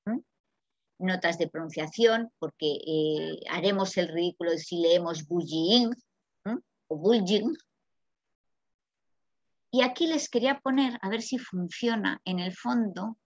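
A woman from Spain with a Peninsular Spanish accent giving a lively, chatty seminar lecture and asking the audience questions. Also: fairly low pitch, moderate pace, dry recording. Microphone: video call. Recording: dull, dry video call audio.

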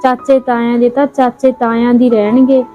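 A woman playing a caring mother who gently coaxes and consoles her daughter in an amateur short film, repeating endearments. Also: on the high side, flat delivery, normal speed, close to an everyday voice. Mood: wistful. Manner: soothing, coaxing, repeats endearments. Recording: dull lo-fi sound, faint music.

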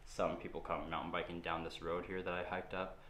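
A young man from Canada, vlogging with relaxed, rambling talk in a small wooden cabin and narrating over footage. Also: sits low, brisk, a little hiss or hum. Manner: relaxed, rambling, thinking aloud. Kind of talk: casual vlog talk and scripted voice-over narration.

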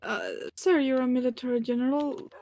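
A woman chatting casually over a game with playful role-play, halting and repeating her words. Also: high-pitched, steady tone, warm tone, no room sound.

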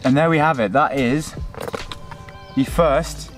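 This fishing channel host, a young adult man, talks viewers through his steps by a river in a relaxed, chatty style, calling them guys and folks. His mid-range voice is slow, there's faint music in the background, and the audio comes from a handheld camera at arm's length.

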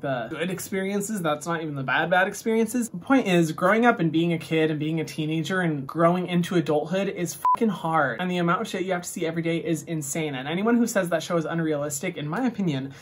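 Young male vlog host, husky, breathy tone, gushing and animated, drops the odd swear. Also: on the high side. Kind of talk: casual reaction vlog chat.

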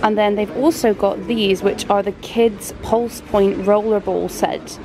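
A young British woman narrates a shopping trip in casual, bargain-hunting chatter. Her voice has a gravelly, fry-tinged edge. She was recorded on a handheld camera in a large store, with clear background noise throughout. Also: medium pitch, steady tone, unhurried. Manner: chatty, enthusiastic about bargains. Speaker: home shopping vlogger. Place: large indoor homeware store. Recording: noisy store ambience.

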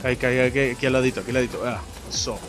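A young man with a Mexican Spanish accent giving casual, excitable gameplay commentary, swearing and yelping at the game. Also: mid-range voice, quick pace. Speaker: gameplay streamer. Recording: game music in the background.

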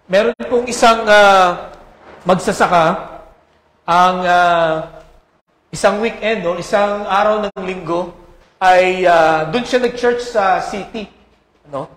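A male pastor preaches and prays in a fairly high voice. He often breaks in with tag questions and hesitant fillers. The roomy echo of a church sanctuary carries his words. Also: slow pace, pauses often, fairly bright tone. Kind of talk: sermon with prayer and scripture reading.

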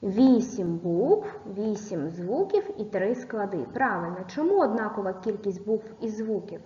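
Woman teacher for a kids' video lesson: patient, lively pitch that rises and falls, speaks slowly. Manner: patient, slow dictation, spells out sounds and syllables. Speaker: primary school teacher. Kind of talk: recorded video lesson for children. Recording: echoey room, dull lo-fi sound.

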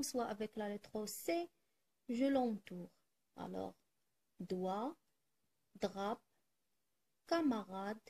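A woman teacher giving a slow, deliberate lesson in French with an Arabic accent, repeating each word twice as she dictates exercises. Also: fairly high pitch, darkish tone, husky.

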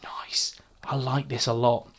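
A young man hosts a gaming video, running through gear stats in an eager, chatty way. He swears casually and trips over his words in his excitement. His voice sits a little higher than most men's. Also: normal speed. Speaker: gaming YouTuber. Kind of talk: game build walkthrough.

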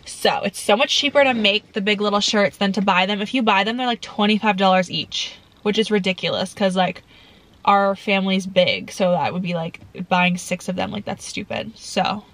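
A college vlogger in her early twenties chats casually to a camera held about arm's length away, first from a parked car and then a small bedroom. Bubbly and excitable in a sorority-girl way, she speaks at a moderate pace in a mid-range voice and leans heavily on "like" as filler.

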